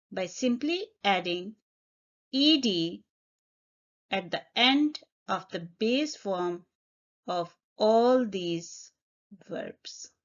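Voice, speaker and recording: A woman teaching an English grammar lesson, speaking deliberately, spelling out letters and repeating each example. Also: mid-range voice. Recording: slightly dull lo-fi recording.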